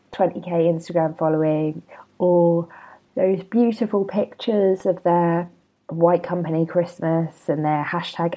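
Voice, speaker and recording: Low-voiced woman, chatty and gravelly. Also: mellow. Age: 30s. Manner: chatty, self-deprecating, rambling with asides. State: a bit hungover and yawning. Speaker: podcast host and blogger. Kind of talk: casual solo podcast chat.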